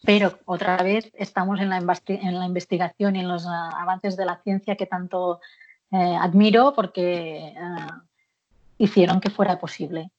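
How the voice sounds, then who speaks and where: A woman's voice: lowish voice, fairly even intonation, normal speed. Woman guest speaking frankly, muffled sound. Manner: warm and frank, laughs often, hesitant fillers. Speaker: guest, author of a memoir. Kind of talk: candid personal interview.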